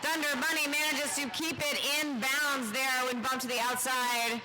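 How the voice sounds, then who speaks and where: A man giving quick, energetic play-by-play commentary on a roller derby game. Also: very high voice, poor audio. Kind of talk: live sports commentary.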